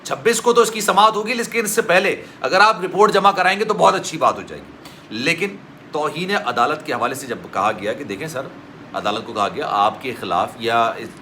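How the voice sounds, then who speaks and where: A man's voice: mid-range voice, pushed and bright, a little hiss or hum. A man from Pakistan, hosting a news vlog and talking earnestly and formally, often addressing the viewer as "sir". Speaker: news vlogger. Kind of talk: news commentary monologue.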